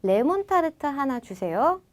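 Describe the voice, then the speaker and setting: A woman teaching a French lesson, who slows down to model each phrase and then explains it in Korean. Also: sits high, sing-song. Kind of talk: language lesson.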